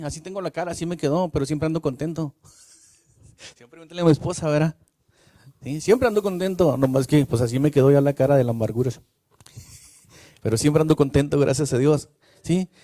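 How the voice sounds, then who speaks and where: A man, preaching a sermon from the pulpit. He keeps checking in with the congregation and builds to loud, repeated phrases. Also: on the high side, dry recording, clean studio sound. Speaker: minister.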